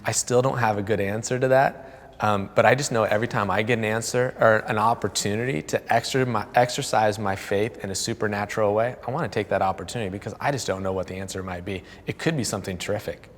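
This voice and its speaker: A man in his forties who is a pastor talks openly on a discussion panel and makes fun of himself as he tells stories. His voice sits somewhat low. The sound has a long reverb from a large room. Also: fast, slight background noise. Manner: candid, self-deprecating storyteller.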